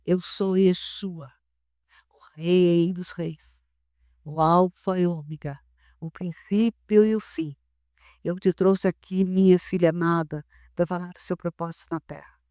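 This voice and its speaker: A woman voicing a gentle, solemn divine male voice, speaking slowly, sweetly and firmly. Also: lowish voice, fairly even intonation, dry recording, clean studio sound, lightly acted. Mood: tender, solemn. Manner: slow, sweet and firm.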